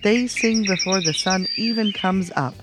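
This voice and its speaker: A narrator acting out a grumpy old storybook rabbit, raised pitch, bossy, emphatic, excitable, music behind. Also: unhurried, lightly acted. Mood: grumpy moaning. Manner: moaning, scolding, emphatic.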